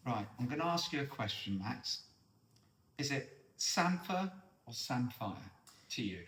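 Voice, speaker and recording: Chatty Norfolk chef, roomy and distant. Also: male voice, medium pitch, moderate pace. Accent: Norfolk English. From North Norfolk, England. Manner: chatty, relaxed, explains as he goes. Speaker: chef and host. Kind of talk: casual cooking demonstration. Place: outdoors on salt marshes, then a home kitchen. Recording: roomy and distant with faint background noise.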